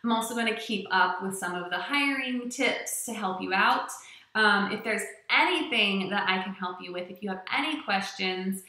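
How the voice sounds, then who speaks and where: A woman's voice: mid-range voice, expressive, normal speed, bright, forceful tone, roomy sound. A woman who teaches English online, giving upbeat, chatty tips in a casual vlog with frequent fillers. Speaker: online ESL teacher and channel host.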